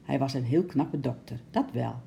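A woman narrating a children's story aloud in a gentle, expressive way. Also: a bass voice, moderate pace, vocal fry, a little hiss or hum.

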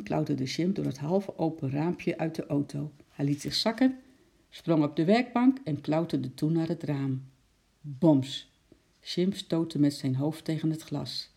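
A storyteller reading a children's story aloud in a calm narrating voice. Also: medium pitch, a little slow, creaky, breathy edge.

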